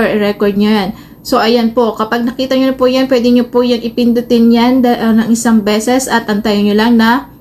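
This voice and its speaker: Speaking with a fairly high but darkish-toned voice, a Filipino vlogger guides viewers step by step through a phone tutorial. Her explanations are casual, with a little hesitation. Light noise runs through the amateur recording.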